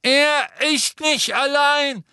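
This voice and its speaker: A man voicing a desperate, defiant teenage boy wizard who shouts in an audiobook. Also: very high voice, extremely slow, no room sound, clean studio sound, voice pushed up, exaggerated voice. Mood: defiant shouting. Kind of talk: audiobook character voice.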